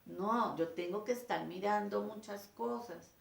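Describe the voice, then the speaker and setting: In an echoey room, a woman teacher gives a lecture with acted classroom scenes, playing both the teacher and her pupils in changing voices. Her medium-pitched voice is gravelly and unhurried, and her delivery is animated.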